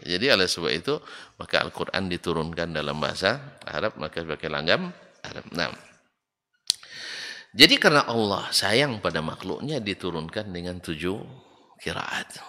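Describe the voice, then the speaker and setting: A man's voice: deep voice, lively intonation, normal speed, long pauses, bright, forceful tone. A man giving a religious study lecture, asking his listeners rhetorical questions and acting out both sides of an exchange. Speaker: Islamic religious teacher. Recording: long reverb of a large hall.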